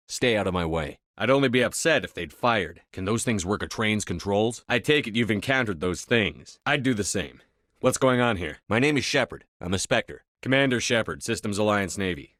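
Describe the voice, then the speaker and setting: Low-voiced, commanding Commander Shepard. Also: male voice, a bit bright, dry recording, clean studio sound. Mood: firm, businesslike. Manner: terse, firm, authoritative. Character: tough, commanding male military space commander. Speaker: video game lead voice actor. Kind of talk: scripted game dialogue.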